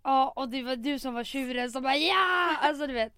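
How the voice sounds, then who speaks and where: High-voiced wry woman co-host. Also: steady tone. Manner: reactive, wry sarcastic remarks. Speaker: podcast co-host. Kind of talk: casual chat.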